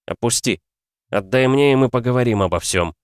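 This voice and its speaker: A man's voice: mid-range voice, a little fast, smooth, no echo, clean studio sound, pitched above the performer's own voice, close to an everyday voice. A man voicing a defiant, accusing young son. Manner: accusing, raised and intense. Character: defiant young adult son confronting his father.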